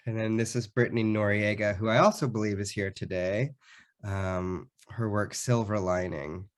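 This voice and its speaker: A man giving a slide presentation about a public art program, his voice sick, talking haltingly with frequent ums and restarts. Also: lowish voice, steady tone.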